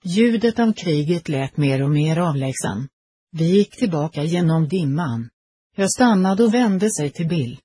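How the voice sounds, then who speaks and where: A man narrating a first-person story in an even, steady storytelling manner. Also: on the high side, breathy edge, no echo.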